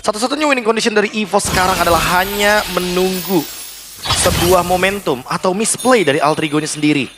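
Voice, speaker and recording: A man's voice: high voice, fast, background noise. An Indonesian man giving analytical live commentary as an esports caster. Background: music.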